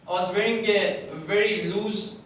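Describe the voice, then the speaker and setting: Young guy giving a club speech, pretty high voice, really echoey room, mic far off. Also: fairly even intonation, a bit bright, slight background noise. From Pakistan. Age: 20s. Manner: asks the audience questions, halting with restarts. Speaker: club speaker. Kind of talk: prepared personal speech to an audience. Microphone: distant mic.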